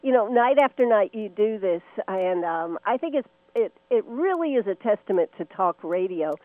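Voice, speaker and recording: A woman's voice: mid-range voice, animated, normal speed, no room sound. A woman interviewing a radio host, friendly and admiring, who often restarts her sentences. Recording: phone-like narrow band.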